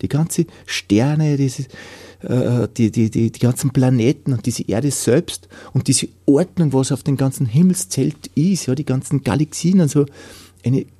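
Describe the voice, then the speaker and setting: A man giving an earnest personal faith testimony, often dropping to soft whispers when moved. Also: mid-range voice, husky, dry recording.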